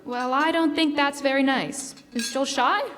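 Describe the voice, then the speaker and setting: A young woman playing a patient, indulgent, gently admonishing housewife mother in old-time radio drama on stage. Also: sits high, fairly even intonation, a little slow, a little hiss or hum. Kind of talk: 1940s-style radio drama acting on stage. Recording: echoey hall, live stage.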